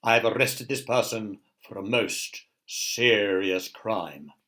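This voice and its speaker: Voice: medium pitch, slow, sharp tone. A storyteller voicing a stern, gloomy castle guard in a children's story, with solemn pronouncements.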